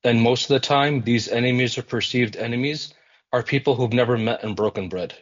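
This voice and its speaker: A man's voice: medium pitch, dull audio. Earnest man speaking at a civic meeting. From United States. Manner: earnest, measured, with frequent fillers. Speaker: community center representative. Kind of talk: public remarks at a civic meeting.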